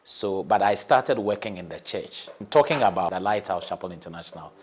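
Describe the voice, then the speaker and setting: A man's voice: deep voice, brisk, slight background noise. A man in his forties, a civil engineer turned pastor, carefully repeating his points in an interview. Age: 40s. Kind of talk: testimony interview.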